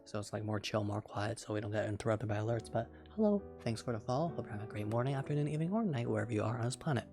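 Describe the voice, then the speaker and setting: A man's voice: lowish voice, rapid-fire, music in the background. Giggly young man reading aloud. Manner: giggly, breaks off laughing, chatty asides. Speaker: streamer reading a light novel. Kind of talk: casual live-stream reading aloud. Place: home late at night.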